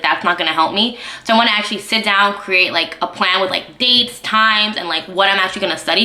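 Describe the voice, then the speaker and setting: A woman's voice: medium pitch, pushed and bright. A woman in her twenties chatting casually at home over breakfast, full of fillers like "like", sometimes talking with her mouth full. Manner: chatty, filler-heavy talk, eating while speaking. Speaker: vlogger. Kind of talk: casual chat. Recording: echoey room.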